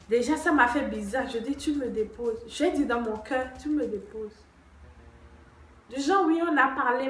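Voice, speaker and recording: A young woman, animatedly telling a true story on her vlog and acting out the dialogue. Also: fairly high pitch. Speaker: vlogger. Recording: echoey room.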